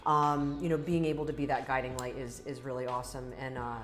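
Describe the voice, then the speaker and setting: A woman's voice: extremely low pitch, flat delivery, fast, roomy sound. A young woman from Rhode Island, a real estate agent answering interview questions in an upbeat, agreeable way. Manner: upbeat, agreeable, says "absolutely" often.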